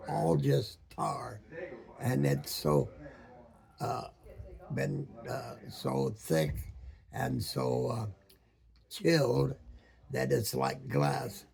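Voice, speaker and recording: Very old man, gravelly, slow and halting. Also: medium pitch, steady tone, a little mellow. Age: over 100, very old man. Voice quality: very aged, gravelly, husky voice. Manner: halting, with long searching pauses and many ums. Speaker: retired boat captain. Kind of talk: slow reminiscing storytelling.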